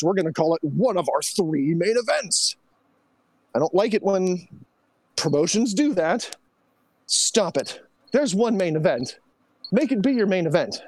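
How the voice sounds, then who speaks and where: A man with a notably high voice gives an animated, opinionated rant on a casual podcast. The sound is dry and close, with no room behind him. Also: dry recording. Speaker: podcast co-host. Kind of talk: casual chat.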